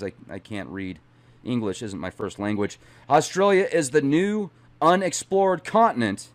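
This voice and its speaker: A middle-aged channel host with a medium-pitched voice reads aloud dramatically and emphatically, tossing in casual asides as he comments.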